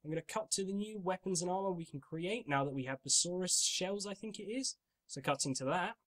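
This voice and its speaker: This gaming channel host's voice is high-pitched, a bit bright and a little fast, though somewhat off because he's catching a cold. The young man keeps up casual, chatty commentary, explaining the game as he goes.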